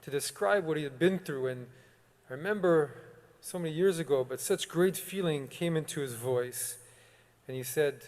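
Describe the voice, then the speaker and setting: A man, a rabbi, delivering a solemn, measured sermon with long pauses. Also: on the high side, a little mellow. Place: synagogue sanctuary. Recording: long reverb of a large sanctuary.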